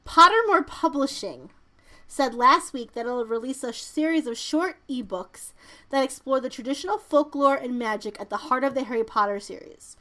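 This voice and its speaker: A woman's voice: sits high, normal speed, sharp tone. A woman co-hosting a podcast in casual chat, informal and emphatic, sometimes reading out news items. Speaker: podcast co-host.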